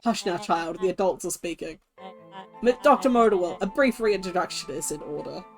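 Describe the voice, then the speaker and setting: A woman's voice: lowish voice, normal speed, a little mellow, natural voice. Game villain played by a woman: boy-bodied mastermind, pompous, condescending, theatrical monologues, light music beneath. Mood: smug, grandiose. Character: pompous, scheming villain mastermind in a boy's body. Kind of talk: dramatic read-aloud of game dialogue.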